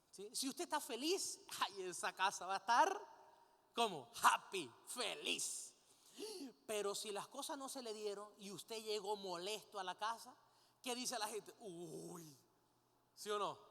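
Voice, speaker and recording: A woman's voice: mid-range voice, a bit bright. A woman preaching a sermon, often asking her congregation rhetorical questions and having them repeat lines after her. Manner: leads the congregation in call-and-response. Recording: long hall reverb.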